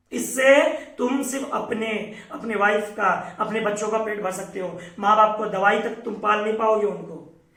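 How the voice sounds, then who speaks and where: A man's voice: sits high, sharp tone, echoey room, far from the mic, low-quality recording. A young man teaching students, giving an earnest, emphatic motivational talk.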